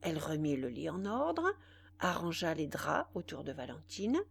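A woman narrating a classic novel for an audiobook in a slow, expressive, dramatic way. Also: low-pitched, gravelly, a little hiss or hum.

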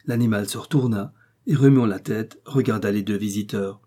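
Male narrator for a classic novel audiobook; measured and steady, warm timbre with a husky edge. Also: lowish voice. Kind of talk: scripted narration.

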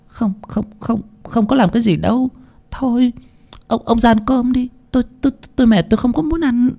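A man's voice: extremely high pitch, a little fast, creaky, dark tone, pitched above the performer's own voice. A man voicing a panicked middle-aged wife who stammers, weeps and pleads. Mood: flustered stammer. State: crying.

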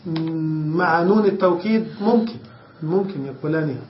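A man teaching Arabic grammar as a sheikh, explaining step by step, drawing out key words and often checking that the class has understood. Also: fairly high pitch. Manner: stretches key words slowly for emphasis. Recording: distant, echoey, dull lo-fi room recording with faint hiss.

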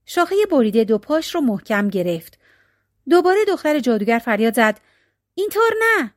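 A woman narrating a folk tale with a high, very lively voice. Her reading is expressive and dramatic. The sound is dry and close to the mic. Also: dry recording. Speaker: storyteller. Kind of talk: storybook narration.

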